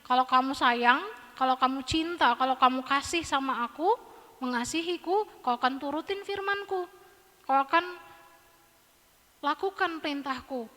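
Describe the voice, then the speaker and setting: A woman preacher giving a lively, humorous sermon in a church, acting out little scenes. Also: sits high, moderate pace, pauses often. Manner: animated, humorous, acts out voices. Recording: church hall reverb.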